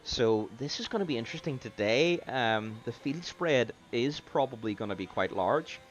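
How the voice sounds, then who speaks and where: A man's voice: mid-range voice, lively intonation, moderate pace. A man giving casual live commentary on an online race stream, chatty and full of fillers. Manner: chatty, laughs easily, many fillers.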